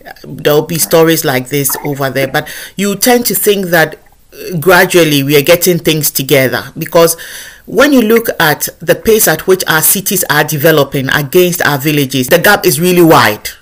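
A woman's voice: sits low, moderate pace. Earnest woman hosting a podcast. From Ghana. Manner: earnest, emphatic, repeats phrases while thinking. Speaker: podcast host. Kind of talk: conversational podcast interview.

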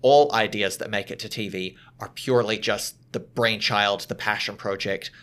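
Male host, lower voice, thoughtful casual talker. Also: fairly even intonation, moderate pace, fairly bright tone. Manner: thoughtful, with filler words. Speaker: podcast host. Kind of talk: casual podcast chat.

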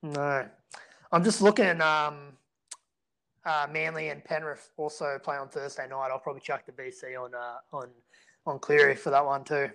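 A man's voice: fairly high pitch, fairly even intonation, moderate pace, fairly bright tone, rough recording. An Australian man co-hosting a sports podcast in casual chat, laid-back and full of blokey slang. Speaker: fantasy rugby league podcast host.

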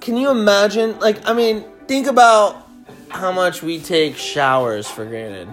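A man's voice: high voice, unhurried. A young man hosting a casual podcast, joking, teasing and swearing a lot. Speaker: podcast host. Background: music playing.

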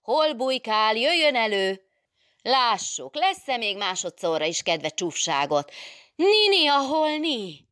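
A woman voicing a loud, bold gentry nun who shouts commands. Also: fairly high pitch, very animated, no echo, clean studio sound, voice pushed up. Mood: fierce.

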